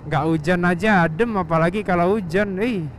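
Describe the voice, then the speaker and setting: A motovlogger from Surabaya, Indonesia, talks at a moderate pace in a high voice while riding a motorbike outdoors on a village road. The casual chat is informal and slangy, he refers to himself by name, and the engine, wind, road noise and passing traffic are audible.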